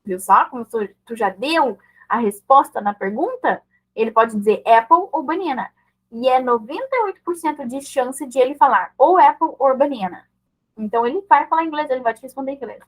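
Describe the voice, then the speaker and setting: A woman's voice: sits high, expressive, fairly quick, poor audio. A woman giving an online mentoring talk to parents on raising bilingual children. She speaks conversationally, often checking in with short tag questions and acting out example dialogues between parent and child. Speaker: mother teaching her child English.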